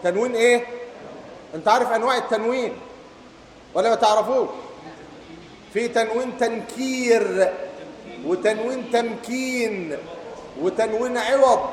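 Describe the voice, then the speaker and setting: A man's voice: extremely high pitch, normal speed, pauses often. A man with an Egyptian accent giving a lecture, quizzing his students and reciting verses. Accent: Egyptian Arabic. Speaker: teacher. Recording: echoey hall, faint background hiss.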